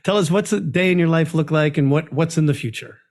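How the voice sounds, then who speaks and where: A man hosting a podcast who asks his questions haltingly, repeating words as he goes. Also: on the high side, darkish tone. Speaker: podcast host. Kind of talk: interview questions.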